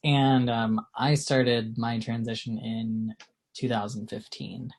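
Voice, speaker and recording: Speaking slowly in a gravelly, medium-pitched voice with a flat delivery, a man in his late twenties responds to interview questions. He's from Texas and co-owns a small clothing brand, and he's talkative, filler-heavy, and quick to laugh.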